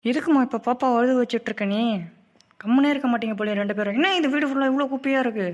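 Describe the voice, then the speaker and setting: A woman's voice: on the high side, close to an everyday voice. A woman voicing a mother in a homemade cartoon who nags and scolds her two daughters. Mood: scolding. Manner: nagging, quick scolding.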